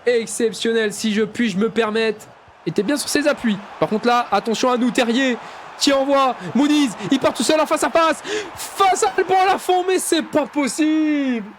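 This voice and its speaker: A man giving excited play-by-play commentary over a football video game, shouting out goals like a mock commentator and dropping into low mumbled asides between bursts. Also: moderate pace, background noise. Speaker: gaming YouTuber.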